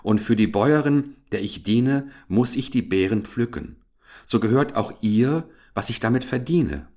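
A man's voice: mid-range voice, expressive, a little slow, warm tone, voice pushed up. A man voicing a poor, modest and honest young maid who answers timidly in a fairy tale reading. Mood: humble.

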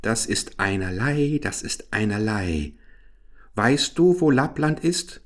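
A man's voice: on the low side, very animated, takes it slowly, voice pushed up. A man doing a bossy wild robber girl. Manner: bossy, teasing, threatening.

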